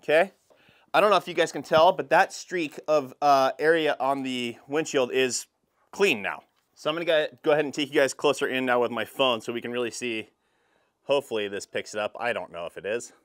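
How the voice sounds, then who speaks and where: On a lapel mic, a man in his thirties who runs a car detailing channel talks viewers through testing a product, loose and chatty with lots of fillers. He speaks briskly at a medium pitch with a fairly bright tone. The casual review vlog takes place in a garage workshop, outdoors next to a van, and in a home hallway.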